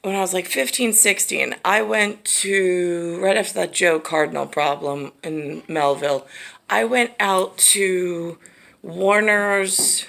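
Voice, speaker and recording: Woman w gravelly fry, slow talking, casual rambly monologue goes all over the place. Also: fairly low pitch, steady tone, fairly bright tone. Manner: rambling, disjointed, tangential. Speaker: vlogger.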